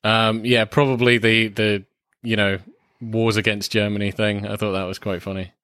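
A man's voice: lowish voice, little pitch movement, normal speed, fairly bright tone, clean tone, no echo, clean studio sound. A man co-hosting a casual film review chat, laid-back and hesitant, with many fillers. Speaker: film review podcast co-host.

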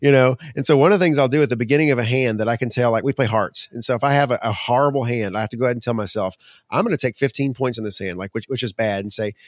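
A man chatting casually as a podcast co-host, earnest and reflective. He talks quickly, and the sound is dry and close with no room around it. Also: medium pitch, no room sound. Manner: earnest, animated when retelling frustration. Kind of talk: casual chat.

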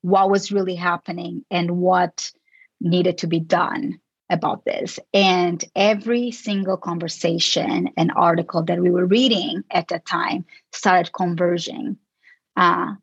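Husky woman. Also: fairly low pitch, dry recording, muffled recording. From Portugal. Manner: thoughtful, with frequent restarts. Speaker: guest, psychologist. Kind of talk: casual interview talk.

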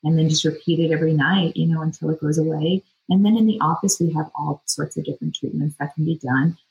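A middle-aged woman with a low-pitched voice talks as a medical expert in an interview. Her explanations are casual and conversational, in plain everyday words. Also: steady tone, fast, a little mellow, muffled recording. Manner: informal, plain-worded, frequent "you know" and "like". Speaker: dermatologist podcast guest.

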